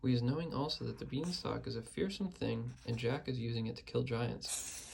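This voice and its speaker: A man voicing a kindly old male giant who speaks in hushed tones with mangled grammar. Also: medium pitch, moderate pace, creaky, a little hiss or hum, close to an everyday voice, rough recording. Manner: hushed whisper, broken grammar.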